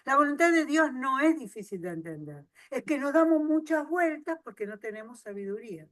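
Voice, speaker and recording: A woman pastor, preaching a sermon and swinging from loud emphasis to soft asides. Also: sits high, very animated, a little fast, dry recording.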